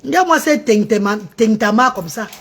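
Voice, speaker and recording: In a slightly high, expressive, fairly bright yet slightly rough voice, a Cameroonian woman talks fairly quickly. She rants on a live stream, deriding commenters between updates about her charity restaurant.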